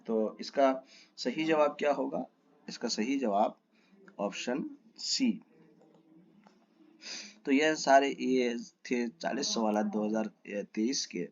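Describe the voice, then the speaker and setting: A man's voice: mid-range voice, pauses often, dull audio. A man teaching a lesson. He reads exam questions and their options aloud, asks for the right answer and then gives it.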